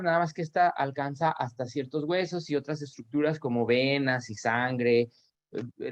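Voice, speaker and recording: Mexican man lecturing over a dull call. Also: a little high. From Aguascalientes, Mexico. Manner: explanatory, frequent tag questions and self-corrections. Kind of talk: academic lecture over videoconference. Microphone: video call. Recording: dull lo-fi video call audio.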